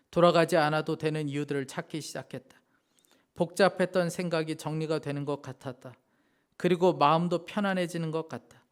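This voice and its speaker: A pastor preaching a sermon in church, reading a missionary's story aloud and then appealing to the congregation. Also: male voice, on the high side, smooth. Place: church sanctuary.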